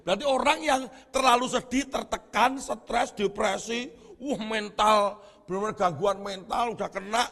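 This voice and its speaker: A man preaching a sermon as pastor, telling stories in a lively, animated way and laughing at his own jokes. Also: high voice, normal speed, gravelly. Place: church hall. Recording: echoey church hall with long reverb.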